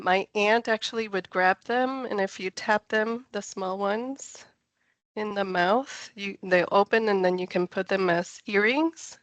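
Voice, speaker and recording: A woman's voice: mid-range voice, a bit bright, no echo. A woman from Puerto Rico, a scientist giving a friendly, chatty online science talk over a video call. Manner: enthusiastic, chatty, laughs easily. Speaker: NASA project scientist presenter.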